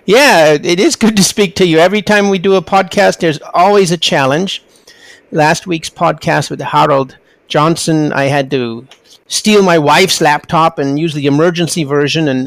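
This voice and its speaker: A man's voice: fairly high pitch, vocal fry, a bit bright, no room sound, poor audio. A man hosting a podcast in a casual, chatty interview style. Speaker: podcast host.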